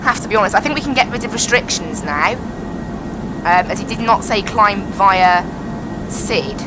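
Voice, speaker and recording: Amid heavy background noise, a mid-range, animated but unhurried woman commentates her simulated airliner flight through a pilot headset. A flight sim pilot and streamer, she chats casually, walks through each step, and repeats "I have to be honest."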